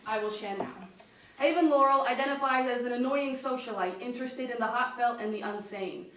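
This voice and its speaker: A woman performing as a pompous fake scholar with a put-on theatrical accent, lecturing in deadpan mock authority. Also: sits high, a little hiss or hum, voice pushed up. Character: pompous fake male scholar, loud, smug. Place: echoey school exam room. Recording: echoey room, mic from far off.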